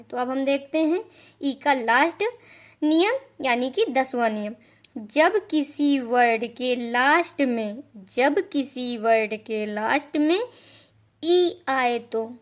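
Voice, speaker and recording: High-voiced lady teacher going thru pronunciation rules, slow and patient, repeats stuff. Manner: patient, repeats each rule and spells out examples. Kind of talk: slow classroom-style explanation.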